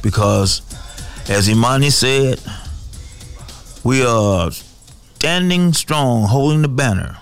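A man hosting a radio call-in show, affirming callers and reading out the station's pledge number in a steady announcer manner. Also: medium pitch, smooth, dry recording. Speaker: radio host.

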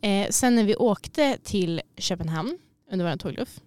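A woman's voice: mid-range voice, expressive, a little mellow, no echo. A woman co-hosting a podcast, chatting casually and a bit self-consciously, laughing easily. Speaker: podcast co-host. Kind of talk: casual chat. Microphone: studio mic.

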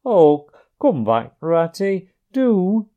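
A man's voice: sits high, big pitch swings, drawn-out words, phone-quality sound, voice pushed up, exaggerated voice. A man voicing a tearful, timid little male mole who stammers and pleads through broken sobs. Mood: pleading.

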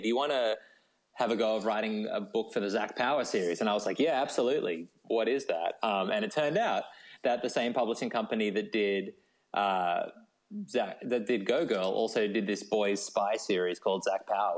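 In a rough recording, an Australian novelist speaks as an interview guest with a lowish voice. His answers are casual, chatty and rambling, full of filler words.

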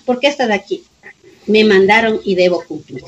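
A grieving middle-aged mother of a police officer gives emotional personal testimony in an interview, reenacting conversations with her son and repeating phrases. Her medium-pitched voice moves at a moderate pace, with the highs cut off and slight background noise.

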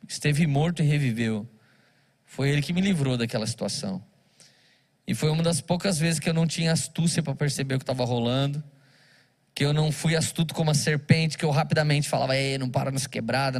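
A man, a pastor, preaching a sermon, telling stories and acting out the dialogue. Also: fairly high pitch. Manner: storytelling with acted-out dialogue.

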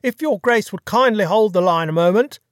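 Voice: medium pitch, expressive, moderate pace, dry recording, clean studio sound, voice pushed up, lightly acted. A narrator voicing a deferential male manservant who speaks politely and formally, in an audiobook.

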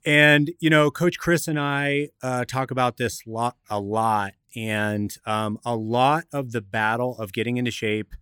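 A man's voice: medium pitch, steady tone, measured pace, hardly any pauses, a bit bright, clear, resonant tone, no room sound, studio quality. A man hosting a radio talk show, explaining in an instructive, methodical way like a coach.

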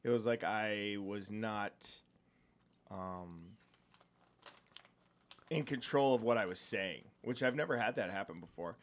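A man's voice: on the low side, measured pace, long pauses. A young man on a podcast, telling a rambling story in casual chat with many fillers and restarts. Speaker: podcast co-host.

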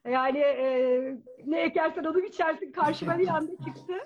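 A woman with a very high voice tells a personal story to a live audience, animated and acting out the people she quotes. The recording is dull and lo-fi. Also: normal speed, crowd noise.

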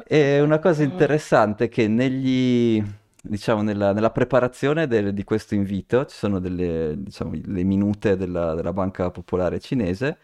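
A man's voice: lowish voice, normal speed, a little mellow. A man co-hosting a podcast, telling a story in casual chat, rambling with many restarts and fillers. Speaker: podcast co-host.

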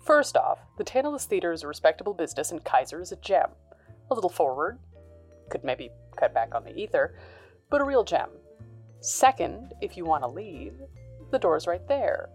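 A woman's voice: on the low side, sing-song, moderate pace, darkish tone, faint music behind. A woman playing a cocky, teasing 1930s-style gangster boss in a noir audio drama, talking in sardonic old-time slang.

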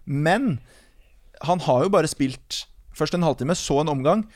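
A man co-hosting a casual fantasy football podcast, animated and laughing often, restarting his sentences. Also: a little high, no room sound, clean studio sound. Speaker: podcast co-host.

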